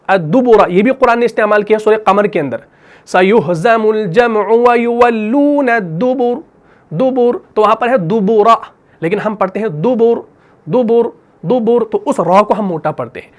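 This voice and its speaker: A man with a fairly high voice and an Urdu accent teaches a tajweed lesson. He walks through each rule step by step, poses questions and answers them himself. For each example verse he slows into a long, drawn-out melodic recitation. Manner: explains step by step, asks and answers his own questions.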